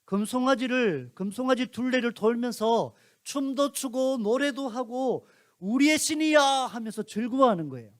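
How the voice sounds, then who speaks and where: High-voiced man telling a Bible story to children. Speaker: pastor.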